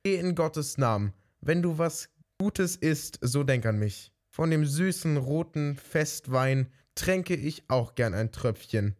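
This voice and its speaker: A man's voice: fairly high pitch, animated, slow pace, few pauses, darkish tone. Man voicing a trusting little mouse. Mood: kindly. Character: good-natured trusting female mouse.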